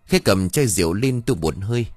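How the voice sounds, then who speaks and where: A man narrating a ghost story audiobook in a lively storytelling manner. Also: lowish voice, brisk, no room sound.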